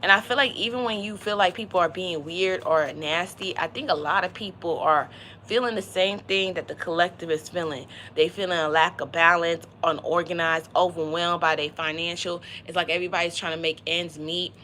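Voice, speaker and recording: A woman's voice: lowish voice, steady tone, fairly quick, pushed and bright, slight background noise, poor audio. A woman giving a casual, motivational tarot reading on a livestream, talking in a slangy, conversational way. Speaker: tarot reader.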